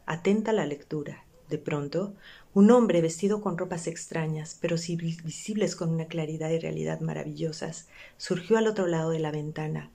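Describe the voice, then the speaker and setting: Woman reading a classic tale aloud. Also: lowish voice. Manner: steady reading with small slips. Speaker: volunteer reader. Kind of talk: audiobook narration.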